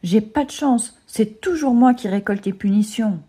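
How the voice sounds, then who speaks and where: A woman's voice: mid-range voice, moderate pace, dark tone, slightly rough, lightly acted. A woman voicing a struggling schoolboy who hesitates and stammers. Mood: hesitant. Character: struggling schoolboy turned teacher's pet.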